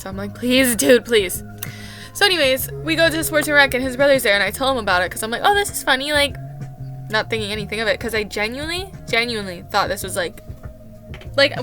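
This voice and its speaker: A young woman tells a casual vlog story about her day as a camp counselor. Her voice sits a little high and sounds bright and sharp, and she rambles in an exasperated rant full of "like". Soft music plays faintly behind her.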